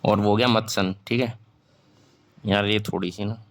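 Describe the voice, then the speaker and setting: Speaking at normal speed in a steady, somewhat low voice, this young online teacher dictates notes during a classroom-style lecture. He's informal and self-deprecating, switches between Hindi and English, catches and fixes his own slips out loud, and checks in with "theek hai" almost every phrase.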